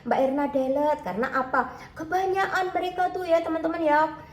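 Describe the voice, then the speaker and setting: In a reverberant home kitchen, a woman from Indonesia speaks in a high, fairly quick voice, her Javanese accent mixed with Malay. A food-selling vlogger, she chats casually with her viewers, calling out to them again and again with "teman-teman, ya" and referring to herself in the third person.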